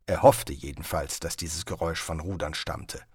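A man reading a fantasy audiobook as narrator, with expressive storytelling. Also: very deep voice, normal speed, slightly rough, dry recording, studio quality.

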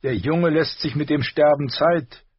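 A man voicing a huge, rasping male bodyguard who sneers and mocks, in a storybook reading on a dull dry recording. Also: on the high side, unhurried, dry recording, pitched above the performer's own voice. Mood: gruff.

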